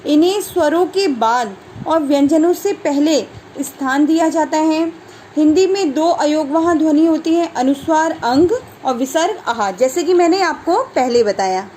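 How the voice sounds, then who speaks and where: A woman teaching a grammar lesson in a high voice. She speaks slowly and clearly, reading out examples one at a time. A faint hiss of noise sits under the recording. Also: dark tone, low-quality recording. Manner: slow, clear explanation with listed examples.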